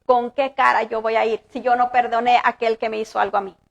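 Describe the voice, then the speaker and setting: A woman pastor delivers a sermon in a high, clear voice. She preaches with earnest conviction, lifting her voice to stress a point and slowing down when she reads scripture. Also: level tone, muffled recording. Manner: earnest, rises with emphasis, slows to read scripture. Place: church.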